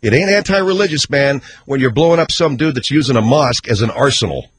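A man's voice: mid-range voice, expressive, fast talker, slightly rough, no room sound. A man hosting a radio talk show with sardonic, satirical monologues.

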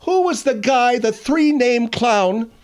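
A man's voice: extremely high pitch, animated, slow pace, darkish tone, pitched above the performer's own voice, full character voice. A man voicing a brash, opinionated woman co-host with a snippy, self-important manner in comic radio banter.

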